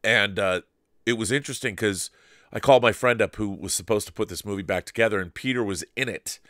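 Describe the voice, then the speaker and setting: An older man hosts a conversational interview from his home studio, talking in a reflective, rambling way. His voice sits on the low side and comes across fairly quick and a bit bright. He uses a large studio mic with headphones, and there's no echo.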